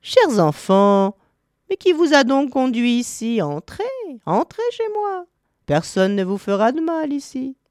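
A woman voicing a cruel old witch who lures children, sweet-voiced at first, then sharp and commanding. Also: big pitch swings, unhurried, no echo, clean studio sound. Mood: honeyed. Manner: honeyed then shrill, commanding.

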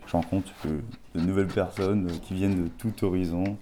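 A young man in his twenties speaks in a very low, dark voice, pausing and restarting his sentences. He talks casually about himself as a volunteer, with a little faint noise around him. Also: little pitch movement. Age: 20s. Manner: hesitant, many restarts and fillers. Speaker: student volunteer. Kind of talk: casual interview answers. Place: volunteer work site.

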